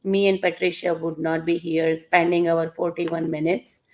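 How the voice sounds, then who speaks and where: A woman's voice: fairly low pitch, flat delivery, normal speed. A woman guest on a casual live-stream chat, talking hesitantly with many fillers and short agreements, not an English speaker.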